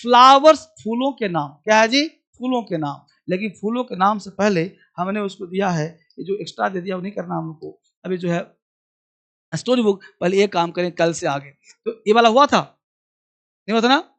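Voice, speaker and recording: A man's voice: high-pitched, normal speed, fairly bright tone. A man teaching English to a class, drilling verb forms aloud and answering his own questions. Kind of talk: classroom lesson.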